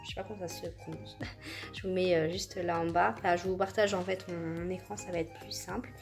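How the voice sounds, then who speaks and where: A woman's voice: fairly low pitch, fairly even intonation, a little fast, soft background music. A woman in her twenties, a student vlogger, talking casually to the camera in a chatty, rambling way with apologetic asides. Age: 20s. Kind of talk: casual vlog chat to camera.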